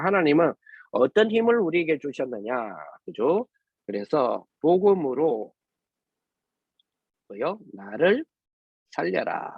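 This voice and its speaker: A man delivers a sermon in a slightly high, husky voice. He keeps pressing the listeners with rhetorical questions. The recording is dull, lo-fi and dry. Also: no room sound. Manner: keeps asking rhetorical questions, tag "right?" after nearly every phrase. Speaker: preacher.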